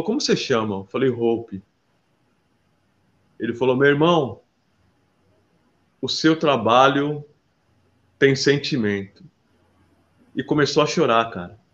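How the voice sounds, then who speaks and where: A man, a street artist, telling his story earnestly in an interview, jumping between lively bursts and soft, quiet asides. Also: on the high side, muffled recording. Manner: earnest, calls the listener "my brother". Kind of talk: animated personal storytelling.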